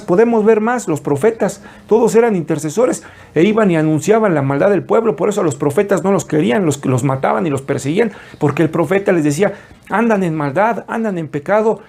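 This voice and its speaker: A man's voice: fairly high pitch, darkish tone. A man preaching an earnest, explanatory sermon to his online channel. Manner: earnest, explanatory, lists words. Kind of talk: sermon teaching.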